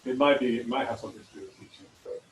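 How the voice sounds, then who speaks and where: A man's voice: mid-range voice, level tone, rapid-fire, far from the mic, over a noisy crowd. Rambling man on a roomy video call. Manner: rambling, many fillers and restarts. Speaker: co-host of a teachers' online meetup. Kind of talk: casual chat.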